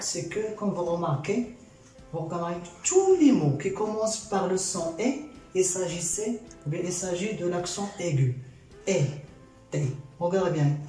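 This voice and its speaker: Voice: mid-range voice, normal speed, mellow. Moroccan-accented teacher in an echoey room. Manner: patient, repetitive, asks and answers own questions. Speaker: French teacher. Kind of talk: explaining a grammar lesson. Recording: very echoey room, distant mic, faint music.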